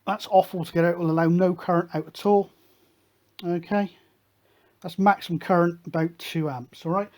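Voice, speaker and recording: A man's voice: sits high, fairly even intonation, moderate pace, a little mellow. British guy doing a casual hands-on electronics demo, chatty and matter of fact. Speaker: host of a hobby electronics video show.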